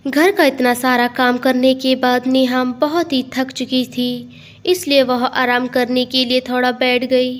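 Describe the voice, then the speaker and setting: A woman tells a scripted family story in a storyteller's manner. Her voice is slightly higher than average, with little pitch movement and an unhurried delivery.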